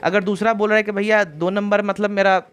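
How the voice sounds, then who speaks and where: Man, online reasoning teacher, high voice, repetitive and reassuring. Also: steady tone, a little fast, a bit bright. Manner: repetitive, reassuring, checks understanding with "clear?". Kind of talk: online exam-prep lesson.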